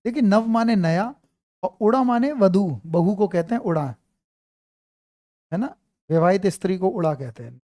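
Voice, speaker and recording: Man, teacher, online class, mellow tone, dry close sound, quizzing and repeating. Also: high-pitched, animated, moderate pace, pauses often, no room sound. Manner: quizzes students, repeats questions. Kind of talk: online Hindi grammar class.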